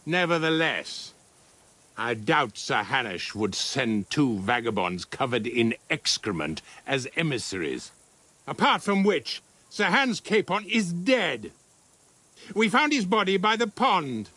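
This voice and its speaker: A man's voice: on the high side, sing-song, takes it slowly, pushed and bright, no echo, heavily acted. A man playing a dismissive castle commander in a video game, formal and condescending. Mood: disdainful. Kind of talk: video game dialogue acting.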